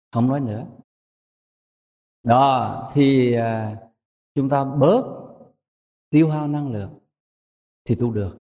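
A man giving a measured, emphatic dharma talk to a monastic assembly, rising high to stress his points. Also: dark tone, big-room sound. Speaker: Buddhist monk teacher.

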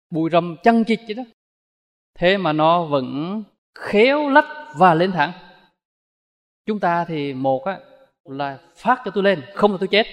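Brief: male Buddhist monk, higher-pitched voice, folksy dharma talk with a long hall reverb. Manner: folksy, storytelling with rhetorical questions.

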